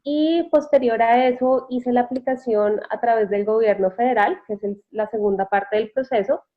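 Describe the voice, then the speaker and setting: Her voice sits on the high side and moves at a normal speed through the tinny, phone-like audio. The speaker, a Colombian immigrant from Bogotá, is a guest giving casual interview answers, thoughtful and full of hesitations and self-corrections.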